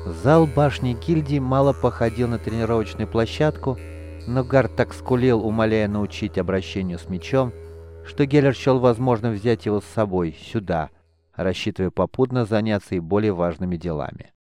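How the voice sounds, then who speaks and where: A man narrating an audiobook in a measured, even manner. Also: fairly low pitch, faint music behind. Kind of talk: scripted narration.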